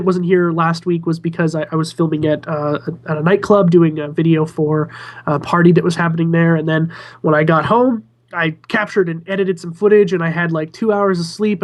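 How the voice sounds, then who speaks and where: Man, stuffy, hoarse, wry co-host, video call, slightly high voice. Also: fairly even intonation, a little fast. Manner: wry, self-mocking, laughs often. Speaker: podcast co-host. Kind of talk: casual podcast chat.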